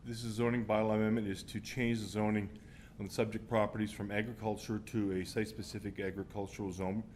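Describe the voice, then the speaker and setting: A man giving a formal planning presentation to a council, halting often as he goes. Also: flat delivery, a little mellow. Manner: halting, with frequent pauses and hesitations. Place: council meeting room. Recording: rumbly background room noise.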